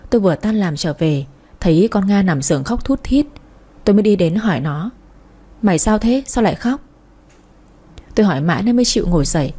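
A woman's voice: mid-range voice, warm tone, breathy edge. A young woman narrating a first-person story in a wry, matter-of-fact way.

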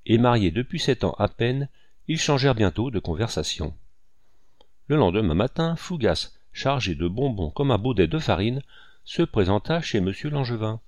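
A man reading a classic novel aloud in measured, clear storytelling. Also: lowish voice, darkish tone, no echo, studio quality. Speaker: audiobook narrator. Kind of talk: scripted narration of a classic novel.

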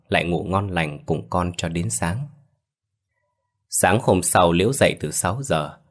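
A man narrating a scripted horror story in a steady, matter-of-fact way. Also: deep voice.

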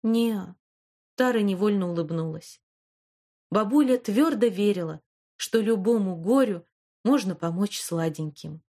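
A woman narrating a novel as an audiobook in an even, expressive storytelling voice. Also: medium pitch, unhurried.

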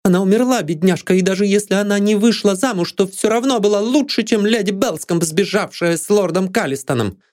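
A woman's voice: a bass voice, expressive, moderate pace, dark tone, voice pushed up. A man voicing a loyal, passionate young maid who defends her dead mistress, in an audiobook reading. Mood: tearful. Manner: earnest and pleading.

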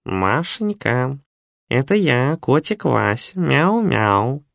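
A man doing a slow purring cat voice. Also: mid-range voice, very animated, gravelly, no room sound, clean studio sound, heavily acted. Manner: gentle, mewing. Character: purring male cat program in a mattress.

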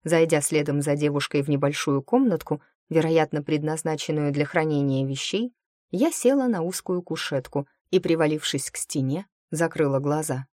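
A woman narrating a first-person fantasy audiobook in a lively, expressive storytelling manner. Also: low voice, normal speed, no echo, clean studio sound.

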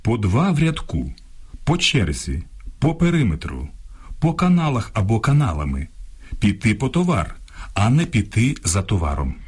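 A man presenting a language program on radio, reading a script in a measured, instructive way, contrasting correct and incorrect phrases. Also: lowish voice, huge pitch swings, darkish tone, slightly rough. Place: radio studio.

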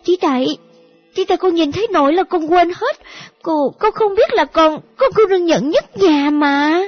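A playful, pouty young woman, as a woman voices her. She coaxes and wheedles in a high voice. The storybook audio is dull and lo-fi, with faint music. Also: expressive, normal speed, no room sound. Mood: apologetic. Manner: coaxing, wheedling. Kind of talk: audiobook character voice.

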